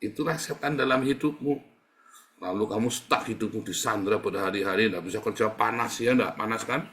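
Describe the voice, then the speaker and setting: A man's voice: fairly low pitch, a little fast, a bit bright. A man preaching a sermon in a conversational way, asking the congregation questions and answering them himself. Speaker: pastor.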